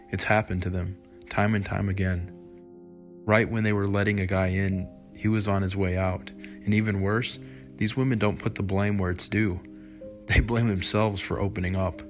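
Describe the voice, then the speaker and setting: A man narrating scripted dating advice in a slick, confident, measured manner, as the host. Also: sits low.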